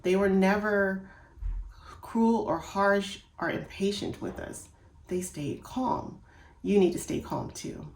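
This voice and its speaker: A woman giving homeschool reading tips in a calm, encouraging way, talking straight to parents. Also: mid-range voice, takes it slowly. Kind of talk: casual instructional talk. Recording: echoey room.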